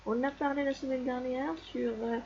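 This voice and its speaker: A woman's voice: high-pitched, flat delivery, darkish tone, muffled recording, slight background noise. A woman teaching a reading lesson to young children, patiently repeating each sound and word. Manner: slow, patient, repeats sounds and words for pupils. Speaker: primary school teacher.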